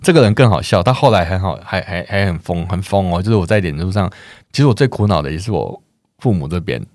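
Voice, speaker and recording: A man's voice: deep voice, fast talker, no echo, studio quality. A man, a podcast guest telling stories in casual chat and acting out the back-and-forth. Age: 30s. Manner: animated storytelling, acts out quoted exchanges.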